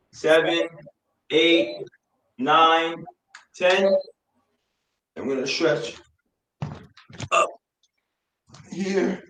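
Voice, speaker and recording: Male fitness coach, aerobics instructor delivery, higher voice, encouraging with shouted cheers, roomy sound with faint noise. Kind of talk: aerobics instructor leading a workout, counting reps and calling out exercises. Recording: echoey room, distant mic, faint noise.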